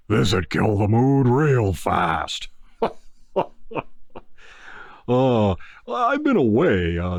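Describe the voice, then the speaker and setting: A low, dark-toned male voice, recorded dry with the highs cut off, belongs to a movie review channel host. He chats casually on his own channel in a rambling, laid-back podcast style, full of ums and uhs.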